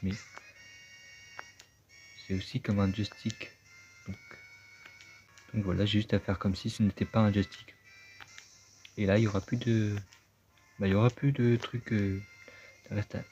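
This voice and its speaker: A man's voice: fairly low pitch, mellow. A man giving casual, chatty gameplay commentary, thinking aloud as he plays. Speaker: let's play gamer. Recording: dull lo-fi sound with game music.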